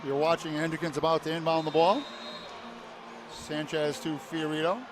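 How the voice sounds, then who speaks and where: A man calling a high school basketball game play by play in short clipped phrases, rising to shouts on big plays. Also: little pitch movement, moderate pace. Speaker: play-by-play announcer. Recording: loud crowd and arena noise. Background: cheering crowd, bouncing basketball.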